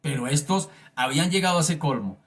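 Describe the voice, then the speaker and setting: A man's voice: on the high side, lively intonation, brisk, a bit bright. A man preaching a sermon, reading scripture aloud and speaking emphatically and directly to his listeners.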